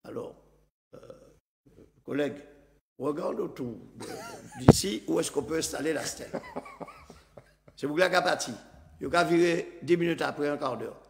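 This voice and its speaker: A man, a mayor on a talk show, telling an anecdote in a lively way and acting out what other people said. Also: a little high, unhurried, vocal fry, long pauses, noisy background. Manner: lively storyteller who acts out other people's lines and laughs often. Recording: long reverb.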